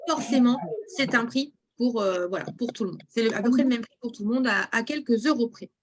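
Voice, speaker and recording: A woman with a fairly high voice runs a live online demo of a booking platform. She chats easily with her viewers and reads their messages aloud. She speaks into a video call microphone. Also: brisk, a little hiss or hum. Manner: chatty, talks straight to viewers and reads chat messages aloud. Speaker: presenter of a travel booking platform.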